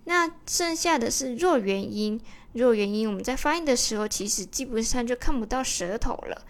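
A woman who teaches pronunciation in a casual online lesson, friendly and chatty, ending her lines with soft particles. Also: fairly high pitch, lively intonation, moderate pace.

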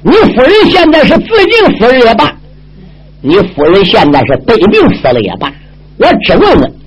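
A man's voice: very high-pitched, wildly swooping pitch, moderate pace, slightly rough, highs cut off, full character voice. A male storyteller voicing a stern, upright old judge who presses his questions hard. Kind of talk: traditional storytelling, acted dialogue.

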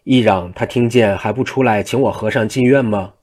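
A man's voice: lowish voice, moderate pace, a little mellow, natural voice. A man voicing a scruffy, mischievous monk who teases in a cocky, cheeky way. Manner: teasing, cheeky.

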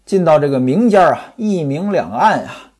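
A man's voice: a little high, expressive, normal speed, darkish tone. A man telling a classic tale in traditional storytelling style, chatty and stopping to explain old customs to his listeners.

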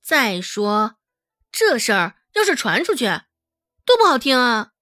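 A woman voicing a calm, clever young village girl who reasons with her attackers. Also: on the high side, a little slow, dry recording, clean studio sound, soft background music, exaggerated voice. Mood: reasoning. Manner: composed, reasoning, pleading.

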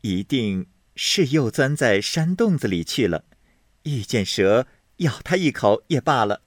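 A man's voice: medium pitch, very animated, unhurried, dry recording, studio quality. A man voicing a sly, composed young lady in a storybook reading. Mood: artful.

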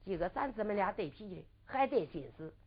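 A woman's voice: mid-range voice, very animated, fairly quick, slightly rough, pitched below the performer's own voice. A woman voicing a frank, stubborn young noblewoman in a storytelling performance. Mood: confiding. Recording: dull lo-fi recording.

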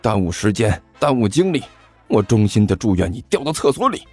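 A man's voice: lowish voice, very animated, a little fast, husky, dry recording, faint music behind. A man voicing a chubby, cheeky schoolboy who talks in a sly, teasing, sing-song way. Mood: taunting.

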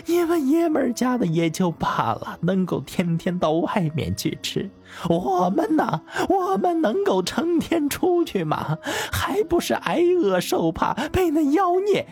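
A woman's voice: lively intonation, a little slow, soft background music. A woman voicing a wailing old noblewoman. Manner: wailing, high-strung pleading. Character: grieving elderly noblewoman, shrill and tearful. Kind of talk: audio drama acting.

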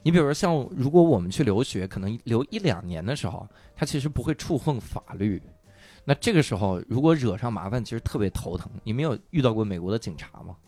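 A man's voice: mid-range voice, lively intonation, fast talker, dark tone, no room sound, faint music behind. A man hosting a podcast, chatting casually and asking curious follow-up questions. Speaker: host.

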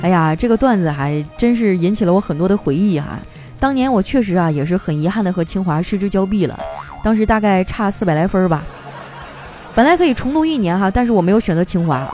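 A woman's voice: medium pitch, lively intonation, fast talker, music in the background. A woman radio host reading out listener jokes in a playful, chatty way. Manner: playful, chatty, mimics voices for quoted people. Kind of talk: casual comic storytelling.

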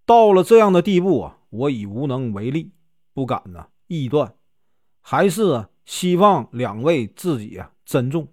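A man voicing a grave, cautious old male doctor in a storybook tale, with a Northeastern Mandarin accent and measured delivery. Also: medium pitch, very animated, darkish tone, dry recording, clean studio sound. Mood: solemn.

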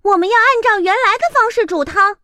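A woman's voice: very high-pitched, slow pace, a little mellow, no echo, studio quality, pitched above the performer's own voice. A woman voicing a bossy, grumpy cat in a children's storybook reading, snappy and meowing. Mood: scolding.

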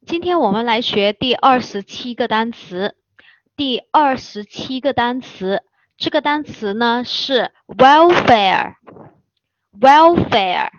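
A woman whose first language is Chinese, teaching an English word in a slow, patient lesson, spelling out the letters one by one. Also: on the high side, expressive, no echo. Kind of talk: spoken vocabulary lesson. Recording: dull lo-fi dry recording.

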